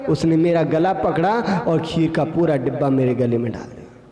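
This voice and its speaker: A man's voice: on the high side, normal speed, mellow, muffled recording. A man, a Jain monk, delivers a sermon and tells a story, acting out the voices of its characters. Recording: echoey hall with long reverb.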